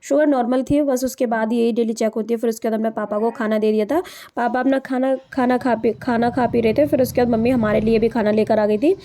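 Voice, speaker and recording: A woman's voice: on the high side, steady tone, quick pace, dark tone, a little hiss or hum. A young woman vlogger, narrating her day in a chatty, rambling way with many fillers. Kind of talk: daily life vlog voice-over narration.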